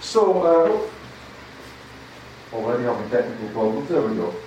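An older Scottish man, a guest lecturer, gives a chatty, self-deprecating university lecture in a large hall, often repeating words. His medium-pitched voice swings widely in pitch at a moderate pace, with a darkish tone and the highs cut off. A handheld mic picks him up from a distance, so the hall sounds echoey with faint noise.

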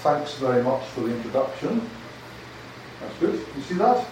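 An older Scottish man, a guest lecturer, gives a chatty, self-deprecating academic lecture in a large hall, often repeating words. His medium-pitched voice swings widely in pitch at a normal speed. A handheld mic picks him up from a distance, and the echoey recording carries crowd noise and faint hiss.

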